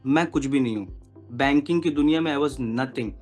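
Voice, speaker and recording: A man's voice: mid-range voice, moderate pace, a little mellow, soft background music. A man in his thirties from Kolkata, speaking as an interview guest in an earnest, hesitant way with many fillers, switching between English and Hindi. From Kolkata, India. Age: 30s. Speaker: interview guest, bank officer. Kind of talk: casual interview talk.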